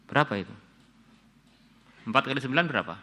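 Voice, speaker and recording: A man giving a sermon, reading Arabic lines and translating them phrase by phrase, with sudden loud rises and quiet drops. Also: medium pitch, expressive, fast. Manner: reads Arabic text then translates it phrase by phrase. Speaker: preacher. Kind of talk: afternoon religious study sermon.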